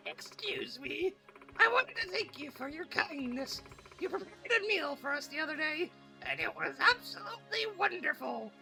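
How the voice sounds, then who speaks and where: A man voicing an annoying, overly polite old woman in a video game playthrough, speaking slowly. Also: very high voice, sing-song, creaky, pushed and bright, soft background music, voice pushed up, exaggerated voice, poor audio. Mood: grateful. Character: fussy old woman, fishmonger's wife.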